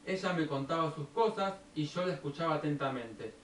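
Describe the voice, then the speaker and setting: Argentine guy, kinda high voice, slow storytelling and moralizing, sounds far from the mic in an echoey room. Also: lively intonation. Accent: Rioplatense Argentine Spanish. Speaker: video blogger. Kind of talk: personal storytelling monologue. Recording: echoey room, distant from the mic, faint background noise.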